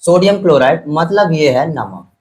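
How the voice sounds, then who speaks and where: A man with a fairly high, sing-song, slightly mellow voice teaches chemistry on a low-quality recording. He goes step by step and repeats himself patiently. He also calls students "beta," checks their understanding, and slows down to spell out chemical formulas.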